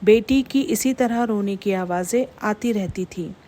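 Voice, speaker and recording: Slow steady woman storyteller. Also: medium pitch. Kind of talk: scripted story narration.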